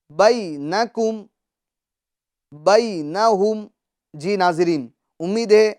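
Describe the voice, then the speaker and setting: A Quran teacher on a televised reading lesson who recites words slowly and drawn out, then explains briskly, asking questions and answering them. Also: mid-range voice, a little mellow, clean tone.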